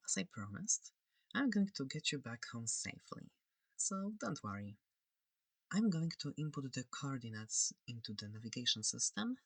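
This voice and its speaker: In an ASMR roleplay, a heavily acted performance brings to life a polite, inquisitive alien scientist. The mid-range voice is soft-spoken, breathy and near the microphone, hesitant but reassuring, in a dry recording.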